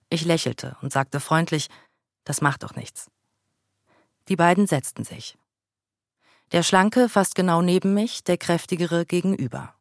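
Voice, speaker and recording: A man reading a first-person memoir aloud in a calm, measured way. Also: high-pitched, vocal fry, dry recording, clean studio sound.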